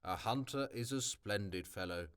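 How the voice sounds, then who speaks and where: A man reading aloud as a brisk, cheerful older male professor, stumbling over words now and then. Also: on the low side, a bit bright, clear, resonant tone, close to an everyday voice. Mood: cheery. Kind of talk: amateur audiobook reading.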